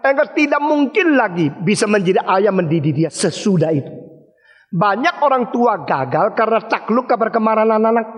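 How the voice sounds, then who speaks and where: A pastor preaching a sermon in a very high-pitched voice. He is emphatic, breaking into sudden shouts and then dropping to low, quiet tones. His voice rings with the long reverb of a large hall.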